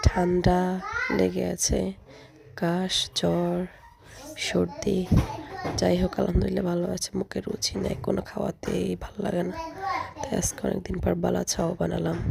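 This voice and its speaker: A woman, hoarse from a cold, chatting to her viewers as friends in a casual food voice-over. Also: on the low side, level tone, moderate pace, pauses often, noisy background. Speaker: food vlogger.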